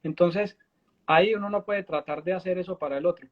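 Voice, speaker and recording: A man's voice: sits high, brisk, lo-fi sound. A man, a spiritual guide and musician, telling stories in conversation and acting out what he said back then. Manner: animated storyteller, acts out his own past dialogue. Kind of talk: storytelling in a conversation.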